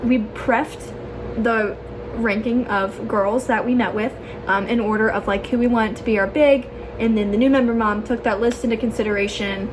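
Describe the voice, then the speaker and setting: Young woman, higher voice, casual vlog storytelling, chatty, gushing, noticeable background noise. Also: steady tone, moderate pace. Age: young adult. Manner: chatty, gushing, peppers talk with "like" and "oh my gosh". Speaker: vlogger. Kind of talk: casual personal storytelling to camera.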